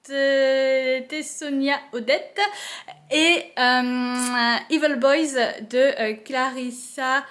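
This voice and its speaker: A woman's voice: high-pitched, fairly even intonation, very slow, fairly bright tone. A young woman chatting casually about her unfinished books in a reading vlog, with many fillers and restarts. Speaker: book vlogger.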